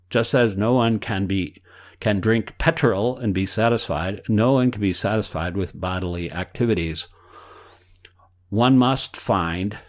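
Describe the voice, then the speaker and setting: A man reading the part of an elderly spiritual teacher, patient and instructive. The delivery is measured and read from a book, with quote marks spoken aloud. The voice sits a little low. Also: lightly acted.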